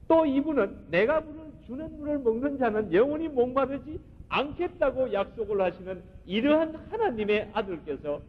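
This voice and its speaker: A male pastor preaching a sermon with emphatic, animated delivery, often asking the congregation questions. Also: high voice, breathy edge. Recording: muffled recording in a reverberant hall.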